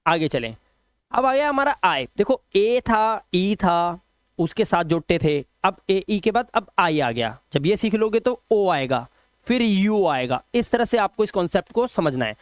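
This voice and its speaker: A man teaching English pronunciation, drilling word lists slowly and chatting with viewers between rules. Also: high voice, very animated, no room sound, clean studio sound. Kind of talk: spoken English lesson.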